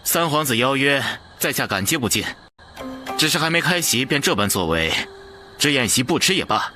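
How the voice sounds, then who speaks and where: A blunt young marquis. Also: male voice, medium pitch, sing-song, moderate pace, pushed and bright, soft background music. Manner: blunt, reproachful. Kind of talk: animated drama dubbing.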